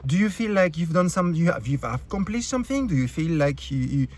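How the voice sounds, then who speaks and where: A French YouTube creator with a French accent rants angrily to the camera, bluntly addressing his viewers. His voice is a little high, very animated, and fairly quick, and his heated speech is packed with swearing, fillers, and restarts.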